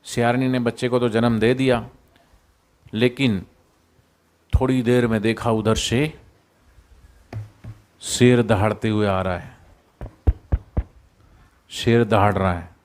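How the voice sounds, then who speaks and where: Slow, animated male storyteller. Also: medium pitch. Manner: animated, quizzes the listeners and coaxes them to join in. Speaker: spiritual storyteller for students. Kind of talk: storytelling sermon to children.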